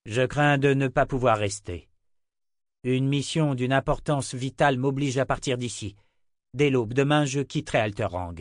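A man voicing a resolute lordly hero, earnest and declaiming, a little higher than his narration. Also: moderate pace, no room sound, clean studio sound, close to an everyday voice.

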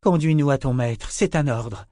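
A man's voice: mid-range voice, animated, moderate pace, a little mellow, no room sound, clean studio sound, voice pushed up, natural voice. A man voicing a fierce, determined sorceress who speaks with urgent command in an audiobook.

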